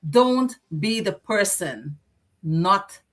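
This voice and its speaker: A woman with a Guyanese accent hosts a casual live chat, spinning animated stories from her childhood. Her voice sits at a middle pitch for a woman, and her delivery is lively and conversational. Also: extremely slow. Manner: animated nostalgic storytelling. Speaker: co-host.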